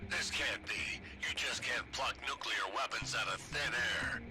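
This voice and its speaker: An actor playing a fatherly, serious army colonel in a video game, speaking as an earnest, measured military officer. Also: mid-range voice, over music, lightly acted. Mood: alarmed. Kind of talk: dramatic video game dialogue.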